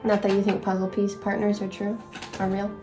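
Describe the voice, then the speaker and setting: A woman's voice: medium pitch, completely flat delivery, brisk, dark tone. A young woman in casual chat, asking questions and teasing in a dry way. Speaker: co-host.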